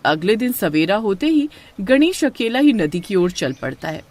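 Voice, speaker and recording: A woman tells a scripted horror story at a moderate pace. Her mid-pitched voice rises and falls in a lively, storytelling manner.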